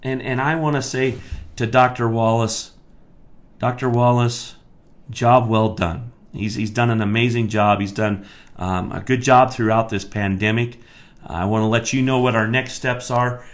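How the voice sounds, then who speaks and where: An American man hosting a live stream as a county commissioner, talking emphatically and getting worked up, then speaking in a halting way with many fillers. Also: mid-range voice. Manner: worked-up, emphatic, rising to near-shouting; many fillers and restarts when calmer. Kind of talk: live-streamed political talk.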